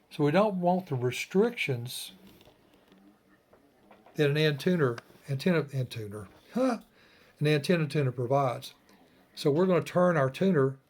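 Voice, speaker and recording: Here the ham radio host's voice is fairly high and slightly mellow. In his plain, homespun manner he talks through an informal demo step by step, keeping his phrases short.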